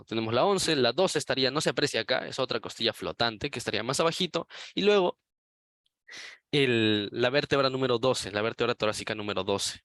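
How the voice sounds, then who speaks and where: A man's voice: mid-range voice, a bit bright, dry recording. A man teaching an anatomy class, explaining step by step while pointing at images. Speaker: anatomy lecturer. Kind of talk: recorded anatomy lecture.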